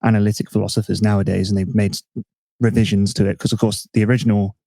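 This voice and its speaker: A man hosting a casual podcast chat, relaxed and self-mocking, thinking aloud with restarts. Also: on the low side, fast, creaky, dry recording. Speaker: podcast host.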